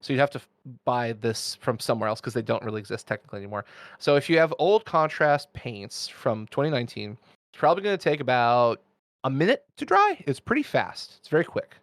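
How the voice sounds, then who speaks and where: A man talking casually on a podcast as the guest, walking listeners through painting methods step by step. His voice sits at an ordinary pitch for a man and is recorded dry and close, with almost no room sound. He keeps slipping in jokes and side remarks as he goes. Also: very animated, brisk, fairly bright tone, no echo. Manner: chatty, detailed explainer with asides and jokes. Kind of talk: casual podcast chat, explaining technique.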